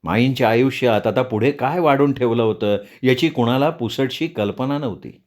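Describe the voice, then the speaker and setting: Male storyteller reading a novel aloud. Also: medium pitch. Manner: measured, expressive reading. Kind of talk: audiobook novel narration.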